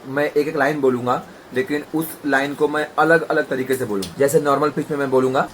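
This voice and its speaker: A voice practice coach with a mid-range voice talks fairly quickly, with a little hiss or hum in the audio. He gives an informal lesson with demonstrations, explaining through everyday examples and checking in with the listener.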